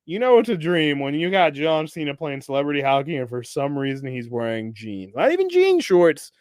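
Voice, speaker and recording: A man's voice: a little fast, clear, resonant tone, no room sound, clean studio sound. A young man hosting a podcast, casually recapping TV episodes, laughing often and acting out characters' lines. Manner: animated, acts out characters' lines with jumps in pitch and loudness. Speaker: podcast host.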